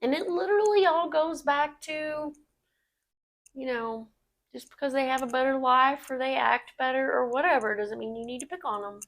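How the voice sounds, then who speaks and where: A woman's voice: sits high, fairly even intonation, moderate pace, a bit bright. A woman, co-hosting a true-crime podcast and reacting with sarcastic jokes. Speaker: podcast co-host.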